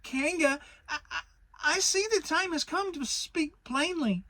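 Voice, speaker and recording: A woman voicing a small, frightened and indignant young male piglet who protests loudly and stammers, in a children's storybook reading. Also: high voice, unhurried, dry recording, voice pushed up. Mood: nervous, brave.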